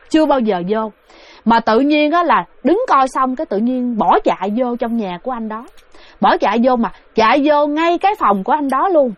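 Woman storyteller, fairly high voice, talks straight to listeners; muffled dry sound. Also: dry recording. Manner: chatty, addresses listeners directly. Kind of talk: casual spoken ghost story. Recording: dull, dry recording.

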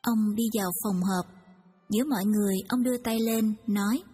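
A woman narrating a story in a steady storytelling way. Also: mid-range voice, brisk, slightly rough. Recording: reverberant hall, music behind.

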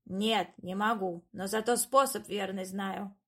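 A cunning old witch from a storybook, voiced by a woman reader speaks in a slow, drawn-out, emphatic way. She is boastful and quick to take offence, and she leans hard on each claim. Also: medium pitch, steady tone, a bit bright, slightly rough. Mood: scheming. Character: sly old witch Baba Yaga, boastful, touchy.

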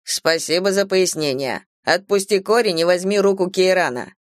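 A woman playing a steady, dryly joking young man. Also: on the low side, moderate pace, no echo, clean studio sound, natural voice. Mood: firm.

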